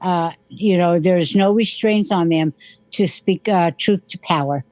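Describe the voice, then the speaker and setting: A woman guest on a radio interview who speaks haltingly, filling her pauses with many uhs. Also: on the low side, a little mellow, dry recording. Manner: halting, full of uh fillers.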